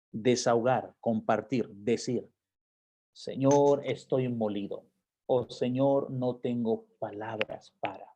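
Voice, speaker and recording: A man preaching a Bible class, moving from soft talk to loud, impassioned quoted lines. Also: lowish voice. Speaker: pastor teaching a Bible class.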